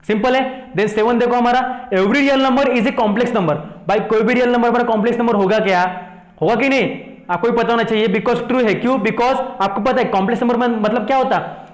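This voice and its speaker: This man has a high, reverberant voice and an Indian accent, and he's teaching a maths lesson in a blend of Hindi and English. He keeps checking that students follow, repeating his questions and coaxing them with "thik hai na".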